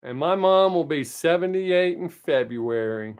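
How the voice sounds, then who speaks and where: On the high side with lively intonation and a clean tone, this man talks a little slowly. Hosting a casual livestream in his late fifties, he chats upbeat with live viewers, answering them by name.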